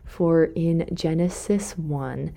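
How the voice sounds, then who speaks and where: A woman speaking in a slightly low, warm and mellow voice, hosting a devotional podcast. She talks in a relaxed, conversational way and thinks out loud, pausing to correct herself now and then. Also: creaky. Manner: thinking aloud, with self-corrections. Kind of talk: casual faith reflection talk.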